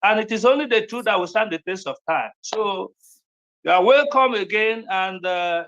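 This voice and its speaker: A man's voice: high-pitched, normal speed, a bit bright, lo-fi sound, slight background noise. A man giving an earnest, sermon-like address to a gathering. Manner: earnest, preaching cadence.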